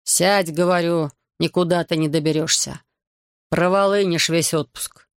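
Gruff suspicious major, a guy reading him, blunt barky voice, dry sound. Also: on the high side, fairly even intonation, measured pace, no echo. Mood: grumbling. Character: gruff suspicious middle-aged male army major.

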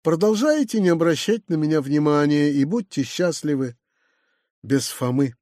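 A man's voice: a little high, animated, moderate pace, a little mellow, dry recording, studio quality, lightly acted. A man voicing a sulky, sanctimonious hanger-on who speaks in a sour, pious, offended tone.

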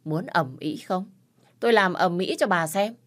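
A woman voicing a hot-tempered young man who shouts back defiantly and curses. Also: on the low side, measured pace, voice pushed up, natural voice. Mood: furious.

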